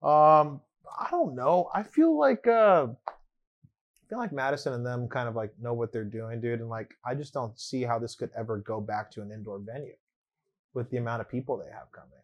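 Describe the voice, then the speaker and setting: Slangy young man, medium pitch. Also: normal speed. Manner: slangy, loose, giggly when telling stories. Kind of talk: casual chat.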